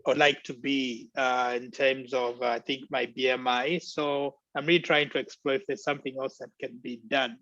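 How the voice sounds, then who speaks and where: A man's voice: mid-range voice, level tone, normal speed, few pauses, fairly bright tone, no echo. Zambian man, 40s, hesitant self-introduction, dry muffled call audio. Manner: thoughtful, hesitant, many fillers. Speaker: webinar participant.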